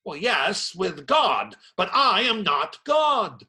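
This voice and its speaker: An actor playing a wary, wry, reluctant friar in a radio play. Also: male voice, sits high, very animated, takes it slowly, sharp tone, exaggerated voice. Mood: wary, protesting.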